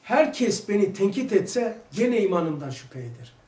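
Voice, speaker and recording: A man with a Turkish accent giving an informal religious lesson, animated and full of rhetorical questions. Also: high-pitched, normal speed. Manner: animated, acts out quoted voices, rhetorical questions. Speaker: religious teacher. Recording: echoey room, mic some distance away.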